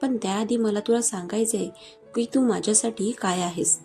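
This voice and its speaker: A woman's voice: normal speed, faint music behind, lightly acted. A woman voicing an intense, possessive young lover. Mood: tender. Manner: low, velvety, hushed.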